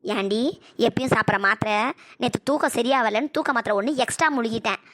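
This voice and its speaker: A woman voicing a sharp-tongued, shrewd old mother-in-law in a cartoon comedy, scolding her daughters-in-law. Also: a little high, fast, no room sound, clean studio sound, natural voice. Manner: scolding, indignant. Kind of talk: cartoon voice acting.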